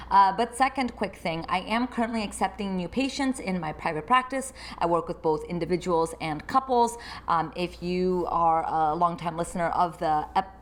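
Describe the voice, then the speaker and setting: A woman therapist raised in the United States speaks in a lowish voice. She hosts her own solo podcast, reflecting aloud without a script.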